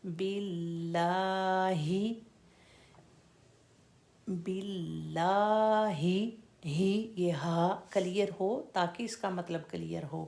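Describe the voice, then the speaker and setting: A recitation teacher, a woman, talks in a slightly low voice at a very unhurried pace. She breaks words into drawn-out sounds and repeats them so that learners can follow. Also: steady tone, vocal fry, mellow. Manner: drawn-out demonstration of each syllable. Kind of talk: slow, deliberate pronunciation lesson.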